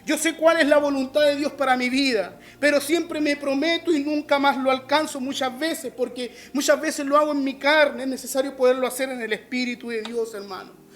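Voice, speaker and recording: A man's voice: extremely high pitch, fairly even intonation, moderate pace, a bit bright, soft background music. A man with a Chilean Spanish accent, a pastor preaching an online sermon and often calling his listeners brother.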